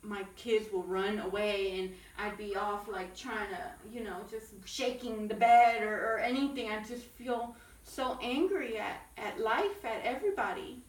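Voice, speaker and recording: Halting young woman in an echoey room. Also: medium pitch. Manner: halting, many fillers, emotional. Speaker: ministry program resident. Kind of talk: personal testimony interview. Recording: echoey room, mic far off, faint noise.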